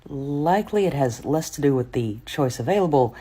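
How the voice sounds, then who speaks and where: A man's voice: fairly high pitch, expressive, normal speed, dark tone, slightly rough. A man giving a commentary voiceover in a dry, sarcastic way.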